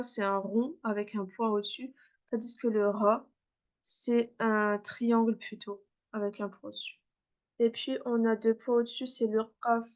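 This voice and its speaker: A woman's voice: on the high side, darkish tone. A woman teaching a beginner class, patiently repeating and demonstrating letter sounds. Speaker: Arabic teacher.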